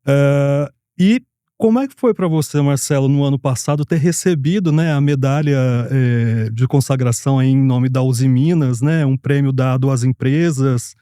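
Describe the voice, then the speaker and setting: Man, journalist moderator, mellow tone, dry close sound, frequent tag questions. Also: medium pitch, normal speed, clear, resonant tone, dry recording. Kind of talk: interview questions.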